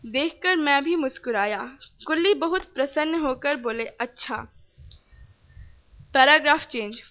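A woman reading a novel aloud, plainly, even speaking the punctuation marks. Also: high-pitched. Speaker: reader. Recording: dull lo-fi recording.

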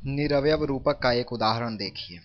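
A man reading a formal literature lesson aloud in a measured, careful way, slowing down to recite verse examples. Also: medium pitch. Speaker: reader of a literature textbook. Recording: dull lo-fi recording.

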